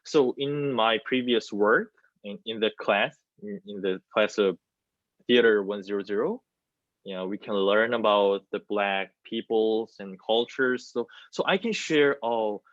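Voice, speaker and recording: Low-voiced yet fairly bright in tone, a young Korean-accented man in his twenties from South Korea, a theater student, gives a halting answer in an online panel, repeating phrases in non-native English. He uses wireless earbuds on a video call from a small plain indoor room; the audio is muffled with no room sound.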